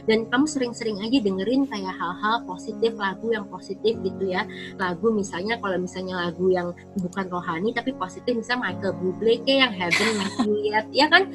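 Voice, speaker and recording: Perempuan bicara cepat dan bersemangat. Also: female voice, mid-range voice, brisk. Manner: animated, mixes English phrases, slangy. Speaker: guest giving advice. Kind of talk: casual advice chat. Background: background music.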